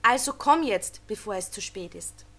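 A woman voicing fussy, know-it-all grown-up angels in a storybook reading, brisk and lecturing. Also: mid-range voice, expressive, a bit bright, faint music behind. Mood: encouraging.

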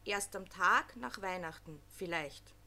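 A fretful old Snow King hems and haws in a children's storybook, as a woman puts him on. The voice is bright and a touch lower than the reader's own, with halting, hesitant phrasing. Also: heavily acted. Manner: hesitant, fussy.

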